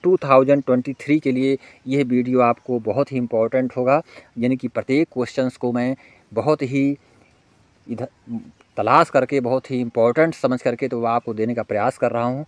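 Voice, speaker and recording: A male teacher giving an exam-prep lecture in Hindi. He explains each point, slowly reads out English questions word by word, and keeps calling his listeners friends. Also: mid-range voice, fairly even intonation, dry recording.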